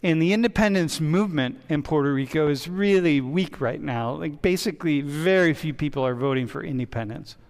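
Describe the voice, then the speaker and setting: A man teaching a university class as a relaxed, chatty professor who keeps breaking off and restarting. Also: on the high side, fairly quick, few pauses. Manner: chatty, interrupts himself often. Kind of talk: casual classroom discussion. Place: large lecture hall. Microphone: wireless mic. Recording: reverberant lecture hall.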